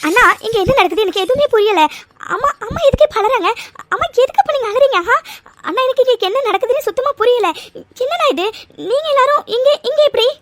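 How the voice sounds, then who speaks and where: A woman's voice: very high-pitched, lively intonation, a little fast, a little hiss or hum. A woman voicing an outraged young heroine in a cartoon dub, scolding and indignant. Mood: bewildered. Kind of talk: Tamil cartoon fan dub.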